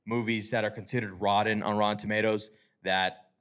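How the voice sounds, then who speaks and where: A man's voice: lowish voice, flat delivery, brisk, fairly bright tone, smooth. A young man hosting a casual movie chat, talking loosely with lots of fillers and frequent laughs. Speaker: podcast host.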